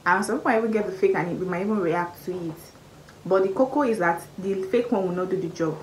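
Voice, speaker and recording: This is a young Nigerian woman in her twenties reviewing a beauty product to camera in a small room. She talks emphatically, repeats herself for stress and leaps higher when she makes a point. A faint hiss of room noise sits under her voice. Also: quick pace, darkish tone, rough recording. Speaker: beauty vlogger. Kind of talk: casual product review vlog. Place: small indoor room by a curtained window. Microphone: camera at arm's length, face framed close.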